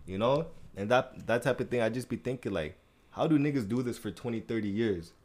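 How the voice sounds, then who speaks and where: A man hosting a podcast, chatting casually in heavy slang and telling animated stories. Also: medium pitch, brisk. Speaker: podcast host. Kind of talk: casual chat.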